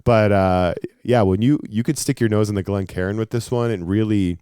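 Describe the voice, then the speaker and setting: A man's voice: on the low side, moderate pace, mellow, clean tone, dry recording, studio quality. A man co-hosting, chatting casually in a teasing, laid-back way. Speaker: co-host. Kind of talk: casual chat.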